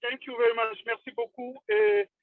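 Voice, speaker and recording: A man with a very high voice asks a hesitant question over a clipped phone line. He calls from a moving car, and his voice sounds muffled and far from the mic. A faint hiss sits under his words. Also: sing-song, a little fast, vocal fry. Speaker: participant asking a question. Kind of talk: online panel question. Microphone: mobile phone. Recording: muffled distant phone call with faint noise.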